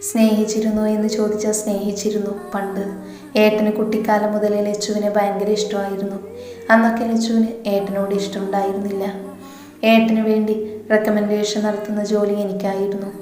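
A woman voicing a playful, teasing young woman in a read-aloud love story, speaking in an even, level tone. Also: medium pitch, a little fast, soft background music, natural voice. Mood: earnest. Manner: teasing, coaxing. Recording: echoey room with long reverb.

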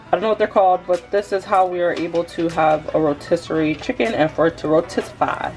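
A young woman with a slightly low voice chats to her viewers as she cooks at home. She talks as she works and gets excited easily. A little music plays faintly under her voice. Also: poor audio. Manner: chatty, excitable, talks to viewers while working. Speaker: cooking vlogger. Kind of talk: casual cook-along narration. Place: home kitchen, indoors.

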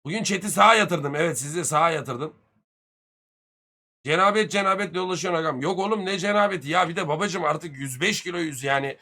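A man in his thirties hosts a casual live-stream chat, trading crude jokes and curses with viewers. His voice sits a little high and sounds bright and tense, jumping from loud bursts to low mutters. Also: brisk. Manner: crude, swearing, joking banter; lively, swings loud and soft.

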